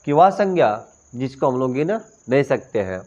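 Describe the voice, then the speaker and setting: A man's voice: medium pitch, big pitch swings, normal speed, darkish tone. Man teaching grammar, lo-fi recording. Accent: Bhojpuri-tinged Hindi. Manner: repeats questions and answers them himself, mixes in English phrases. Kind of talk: classroom grammar lecture. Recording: dull lo-fi classroom recording.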